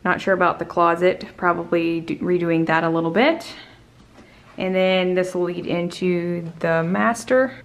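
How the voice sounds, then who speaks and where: A woman's voice: lowish voice, steady tone, normal speed. Echoey woman giving a casual house tour. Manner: informal, chatty, explaining as she goes. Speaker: home renovation vlogger and designer. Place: indoors in an empty condo, big echo. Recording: echoey empty condo rooms.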